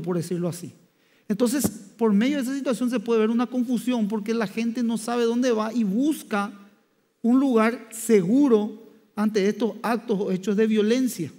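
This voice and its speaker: A male pastor preaching a sermon, halting and restarting with frequent fillers as he searches for words. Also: high voice, warm tone. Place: church hall. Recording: long church hall reverb.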